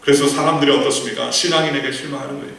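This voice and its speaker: A man's voice: mid-range voice, fairly even intonation, racing, creaky, a bit bright. A male pastor preaching a sermon, telling a story with rhetorical questions and quoted lines. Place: large church sanctuary. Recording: echoey church hall from far off.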